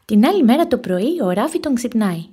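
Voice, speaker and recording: A woman narrating a children's storybook, expressive and animated. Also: fairly high pitch, breathy edge. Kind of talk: storybook reading.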